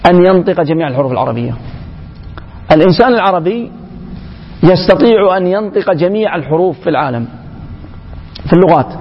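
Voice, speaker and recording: A man giving an emphatic public lecture to young people, often pausing and restarting mid-phrase. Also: high voice, husky. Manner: emphatic, halting, with frequent restarts. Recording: echoey hall, dull lo-fi sound.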